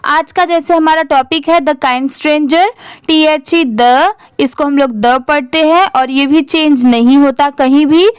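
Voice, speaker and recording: Woman English teacher, high voice, dry close sound, spells words slowly and quizzes herself. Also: fairly even intonation, no room sound. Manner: spells words letter by letter, asks and answers own questions. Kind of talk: spelling-out reading lesson.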